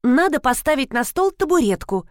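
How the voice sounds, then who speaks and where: A woman's voice: sits high, very animated, normal speed, no room sound, studio quality, pitched above the performer's own voice. A woman reading an audiobook, voicing an earnest middle-aged housekeeper explaining a plan plainly.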